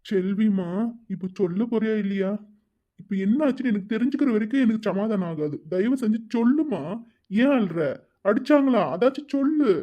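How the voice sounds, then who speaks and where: A man's voice: high-pitched, animated, moderate pace, lo-fi sound. A man voicing a worried, protective young lover in a cartoon, speaking, urgent and pleading. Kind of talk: cartoon voice acting.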